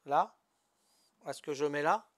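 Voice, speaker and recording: An older Corsican man with a slightly high, fairly bright voice chats casually and slowly while playing a game as a streamer. He's good-natured, sprinkles in plenty of "hein" and "voilà," and keeps asking whether he's doing it right.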